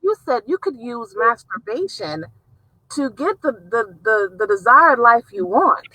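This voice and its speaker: A woman with a New Orleans accent hosts a chatty interview, talkative and quick to laugh. Her voice is very bright, and the sound is dry and close. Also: fairly high pitch, very animated, dry recording, rough recording. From South Louisiana. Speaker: host. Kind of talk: casual interview chat.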